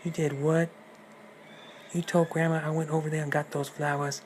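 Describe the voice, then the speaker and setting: A man's voice: fairly high pitch, little pitch movement, quick pace, slight background noise, lightly acted. Cheeky red-hooded girl, as a man puts her on. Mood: questioning. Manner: blunt, slangy, questioning.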